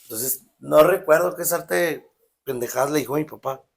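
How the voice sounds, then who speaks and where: A man's voice: normal speed, vocal fry. Slangy Mexican man telling a story. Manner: emphatic storytelling, slangy, drops pitch for asides. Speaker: podcast co-host. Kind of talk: casual podcast conversation.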